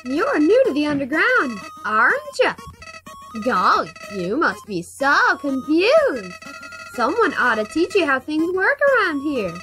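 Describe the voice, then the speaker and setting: A woman's voice: sits high, sing-song, unhurried, bright, forceful tone, pitched above the performer's own voice, heavily acted. A woman voicing a falsely sweet little talking flower from a video game, folksy and patronizing. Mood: perky, folksy. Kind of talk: video game dialogue read aloud. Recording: game music under the voice.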